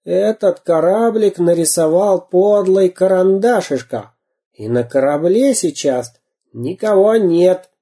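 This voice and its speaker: A man squeaking as a sly little robber. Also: takes it slowly, mellow, husky, heavily acted. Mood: scheming. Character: sly scheming male robber, squeaky-voiced.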